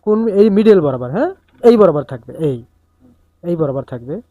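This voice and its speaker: Woman teaching tabla syllables, mellow voice. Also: on the low side, expressive, normal speed, no room sound. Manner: coaching, reciting drum syllables rhythmically. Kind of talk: music lesson instruction.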